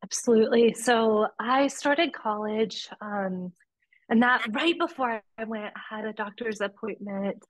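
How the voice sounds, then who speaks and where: A woman's voice: on the high side, a little slow, no echo. A woman from Romania, a podcast guest and policy advocate, telling her story earnestly with frequent restarts. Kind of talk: conversational interview.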